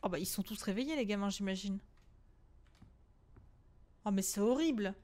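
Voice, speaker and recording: A young adult woman streaming a horror game, chatting casually with her viewers. She swears freely, repeats herself in quick bursts and breaks into shrieks when the game startles her. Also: medium pitch, darkish tone. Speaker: gaming streamer. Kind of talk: let's-play commentary of a horror game.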